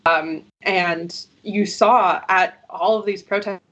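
A woman's voice: medium pitch, steady tone, slow, fairly bright tone, husky, lo-fi sound. A woman speaking on a video call as a panel guest, her audio glitching and cutting out, talking hesitantly with many fillers. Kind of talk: online panel discussion.

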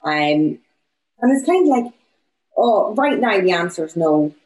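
A young woman from Donegal with a west of Ireland accent talks casually in an interview. Her voice sits on the low side, and she speaks as a small business owner in conversation. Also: sing-song, a little slow, a little mellow, poor audio. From County Donegal, Ireland. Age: young adult.

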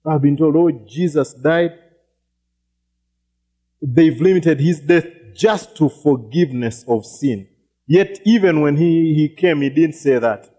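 A man's voice: fairly high pitch, measured pace, dark tone. A man preaching a sermon as pastor, repeating words, often checking "you get it?" and acting out quoted voices.

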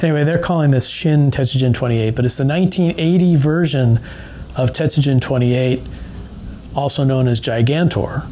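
A man's voice: mid-range voice, normal speed, dark tone. A man presenting a podcast segment in a casual, chatty review style. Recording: faint background noise, room ambience.

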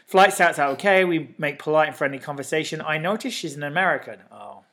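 A man with a slightly higher voice, co-hosting a relaxed podcast chat. He reads posts aloud and reacts to them with animated swings in pitch. A lingering cough breaks in now and then. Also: brisk. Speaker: podcast co-host.

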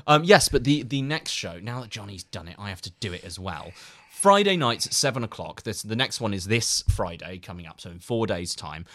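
Male co-host, tired and apologetic, bright lively voice, rapid delivery. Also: on the low side. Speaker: podcast co-host. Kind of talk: casual chat.

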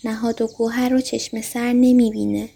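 A woman's voice: a little high, level tone, vocal fry, dark tone, husky. A woman voicing an earnest young boy prince in a storybook reading, speaking in a proud and insistent way. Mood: solemn.

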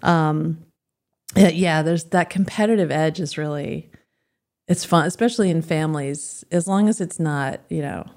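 A woman's voice: low voice, normal speed, darkish tone. A middle-aged woman in a casual conversation, chatting in a rambling way and laughing often. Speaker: guest.

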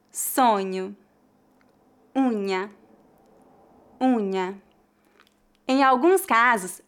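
A woman with a Brazilian accent teaching pronunciation, saying each model word twice slowly and clearly for learners to repeat. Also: high-pitched. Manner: slow, careful, clearly articulated model words. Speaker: Portuguese teacher. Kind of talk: pronunciation lesson, repeat-after-me drills.

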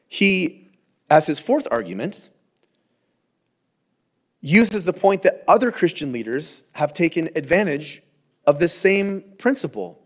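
A male pastor giving a verse-by-verse sermon in a relaxed, conversational way, reading scripture aloud with emphasis between folksy asides. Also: a little high. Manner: frequent fillers and restarts, folksy asides.

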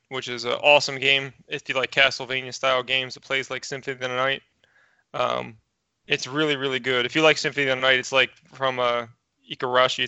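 A man's voice: medium pitch, bright, forceful tone, clear, resonant tone, no echo. A man chatting casually as the gaming correspondent on a podcast. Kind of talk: casual chat. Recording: dry, slightly lo-fi close recording.

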